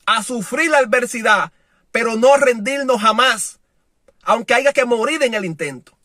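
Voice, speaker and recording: Preacher guy, high bright voice, goes from loud to hushed, dry close sound. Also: normal speed, dry recording. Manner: impassioned, shifting from loud to soft, acting out quoted voices. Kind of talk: sermon.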